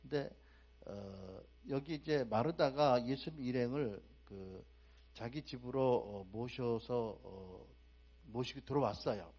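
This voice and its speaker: A man preaching a sermon to a congregation, asking them rhetorical questions and swinging between soft asides and loud, emphatic outbursts. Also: mid-range voice, slow pace, highs cut off.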